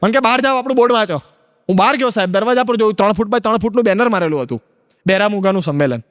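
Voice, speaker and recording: A man telling a stand-up comedy story in a quick, punchy way. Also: high voice, expressive, a bit bright, no echo, studio quality.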